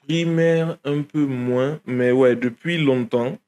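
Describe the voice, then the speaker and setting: A man's voice: medium pitch, takes it slowly, warm tone, smooth. A young man from Guinea, a rapper, talking casually in an interview with many fillers and restarts. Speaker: rapper guest.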